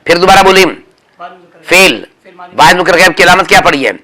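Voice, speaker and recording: This teacher's voice is high and sharp, moving fairly quickly. He drills his grammar students with quizzes, picks them out by name, and corrects them firmly over and over.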